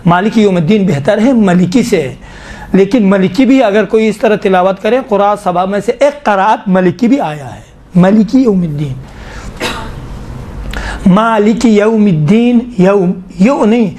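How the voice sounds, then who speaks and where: A man teaching tajweed in a lesson, explaining rules, quizzing students and slowly demonstrating recitation. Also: sits high, expressive, darkish tone.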